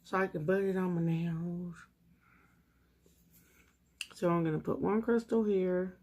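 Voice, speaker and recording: A woman with a slightly low voice talks casually to her viewers while doing her nails at home. She is relaxed and chatty, narrating each step as she works. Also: a little slow. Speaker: nail art vlogger. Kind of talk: casual tutorial chat.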